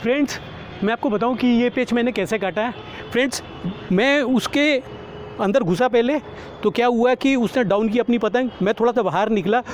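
With a very high voice, a middle-aged kite flyer chats through his vlog, explaining things casually as if to friends. A clip-on lapel mic records him outdoors on an open rooftop, where faint city and vehicle noise drifts in.

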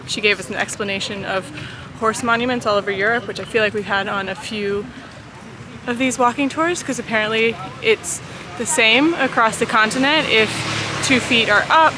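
This American travel vlogger, in her thirties, has a voice on the high side and talks at a moderate pace. She casually narrates a chatty, self-deprecating recap of a walking tour while filming herself at arm's length in a city park and plaza. Outdoor city noise can be heard behind her.

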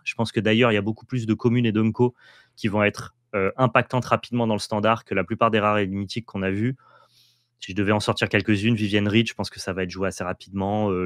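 Man, co-host, low voice, rapid assertive talk, dry sound. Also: dry recording. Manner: quick, assertive opinions. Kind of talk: casual card-game discussion.

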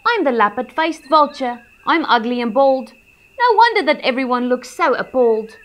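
A woman's voice: high-pitched, expressive, moderate pace. A woman voicing a bald, smelly lappet-faced vulture who is smug about its revolting habits. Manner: smug, relishing disgust.

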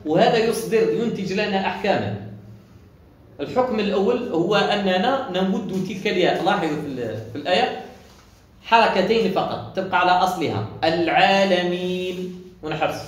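A man teaches Quran recitation in a slightly raised voice. He draws out each example sound slowly before explaining in quick bursts. The room is very echoey. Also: high voice. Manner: slow drawn-out demonstration of sounds, then quick explanations.

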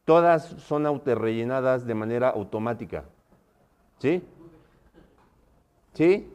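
A man's voice: medium pitch, slow, darkish tone, clean tone. A man teaching a live online class, often stopping to check that his students are following.

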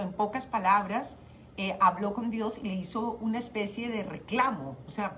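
A woman's voice: mid-range voice, a little hiss or hum. Middle-aged woman preaching on the radio. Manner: warm storytelling, acts out dialogue. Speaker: radio devotional host. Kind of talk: radio devotional sermon.

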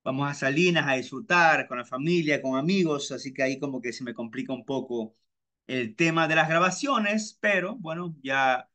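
A man's voice: normal speed, bright, forceful tone. A man, hosting his own podcast and chatting casually through personal stories, often repeating himself. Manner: chatty, repeats himself, mimics friends with high-pitched voices. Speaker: podcast host. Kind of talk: casual personal storytelling monologue.

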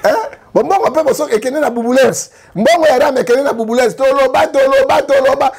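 A man from Congo with a Congolese French accent, giving animated political commentary full of rhetorical questions. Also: very high-pitched, fairly quick, husky. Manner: emphatic, rhetorical questions, frequent "hein?".

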